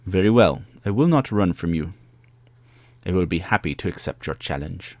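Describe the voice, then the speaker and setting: Man playing a low, formal, dignified game nobleman. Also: lively intonation, normal speed, dry recording. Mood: resolute. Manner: formal, declarative. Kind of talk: video game dialogue read-aloud.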